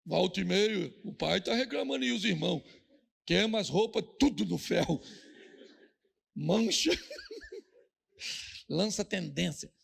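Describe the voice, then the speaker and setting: A Brazilian pastor delivers a humorous sermon in a high, heavily gravelly voice. He tells stories with a jokey touch, checking in with the crowd through quick rhetorical questions. The fry in his voice never lets up. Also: sing-song. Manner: storytelling, jokey, asks the audience rhetorical questions.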